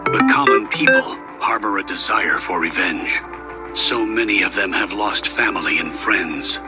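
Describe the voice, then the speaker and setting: A man's voice: sits low, expressive, moderate pace, loud music behind the voice. An actor playing a stern, cold government enforcer in a game, his voice run through a robotic, metallic filter, speaking in a formal, commanding way. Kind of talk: game cutscene voice acting.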